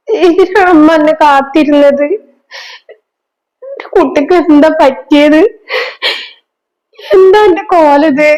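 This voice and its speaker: A woman playing a high-voiced, fussing mother. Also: darkish tone, poor audio. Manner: fussing, pleading tone. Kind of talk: short film acting.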